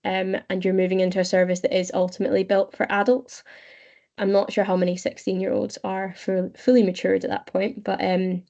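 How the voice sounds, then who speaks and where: A Scottish woman in her twenties presenting an online webinar, explaining steadily with frequent pauses. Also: medium pitch, vocal fry, a little mellow, highs cut off. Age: 20s. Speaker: webinar presenter, young leader. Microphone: video call.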